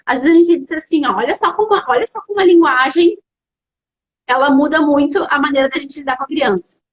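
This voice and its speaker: A young adult woman with a Brazilian accent hosting a live stream as an educational psychologist, explaining parenting tips to viewers in an animated, direct way. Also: sits high, fairly quick, dull audio. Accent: Brazilian Portuguese. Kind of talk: casual live-stream advice talk.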